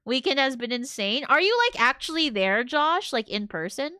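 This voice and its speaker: A woman streamer chatting casually with her viewers, bubbly and quick to giggle. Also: high voice, expressive, bright, forceful tone, clean tone, no room sound, clean studio sound. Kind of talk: casual live-stream chat. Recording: game music under the voice. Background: game music.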